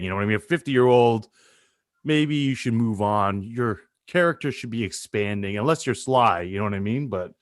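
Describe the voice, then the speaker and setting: A man co-hosts a sports chat over a video call, laughing easily and needling his partner. His voice is mid-pitched and jumps around a lot. It sounds close and dry. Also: dry recording. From Canada. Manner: joking, laughs often, animated teasing. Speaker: sports show co-host.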